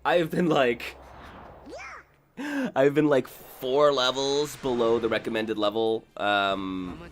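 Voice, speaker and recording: A man's voice: medium pitch, lively intonation, slow pace. A man live-streaming a video game, chatting casually with viewers in a rambling, self-correcting way. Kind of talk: casual live-stream chat while gaming.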